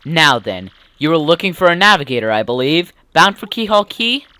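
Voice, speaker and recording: A man voicing an old, grieving sailor who is a living bomb, speaking slowly, low and solemn. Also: sing-song, pushed and bright, clear, resonant tone. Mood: gruff.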